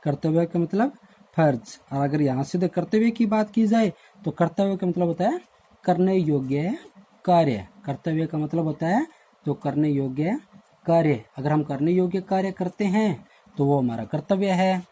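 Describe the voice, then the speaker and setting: A man teaching a lesson to schoolchildren in a recorded online class, explaining word meanings slowly and repeating himself. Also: fairly high pitch, mellow. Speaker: Hindi teacher.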